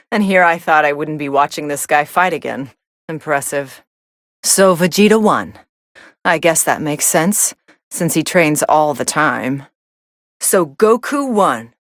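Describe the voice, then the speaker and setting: A woman's voice: low-pitched, no echo. A woman playing a cool, sardonic young female android fighter commentating matches in an anime video game, with a dry, sarcastic delivery.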